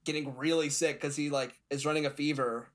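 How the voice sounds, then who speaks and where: A man's voice: on the high side, steady tone, a little fast, a bit bright. A young man as a podcast guest, retelling a story in casual chat, rambling with many fillers.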